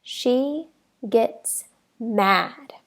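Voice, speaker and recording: At story time, a woman teacher reads a picture book aloud in a high voice. Her pace is unhurried, each line carefully phrased, and she leans on key words expressively for the young listeners.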